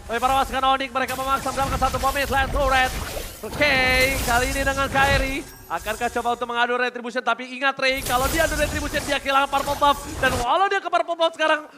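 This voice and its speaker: A man with an Indonesian accent commentating a video game match like an excited fighting game announcer, stretching out and shouting the big calls. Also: extremely high pitch, quick pace. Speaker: esports play-by-play caster. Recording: music and crowd noise behind the voice.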